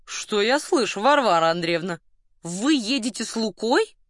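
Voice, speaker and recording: A woman's voice: fairly low pitch, animated, moderate pace, a bit bright, no room sound, studio quality. A woman voicing a jovial, hearty male officer in an audiobook. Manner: hearty, exclamatory.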